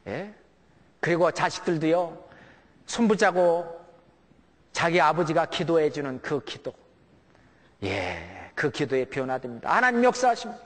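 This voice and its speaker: A man's voice: on the high side, sing-song, measured pace, pauses often, in a large hall. A man preaching a sermon to a congregation in a conversational way, often checking in with his listeners and acting out the voices of family members. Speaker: pastor. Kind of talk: sermon on raising children.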